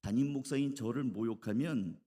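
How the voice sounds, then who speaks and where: A male pastor preaching a Wednesday sermon in a lively, conversational way, slipping into acted asides. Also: medium pitch, normal speed. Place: church sanctuary. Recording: church hall reverb.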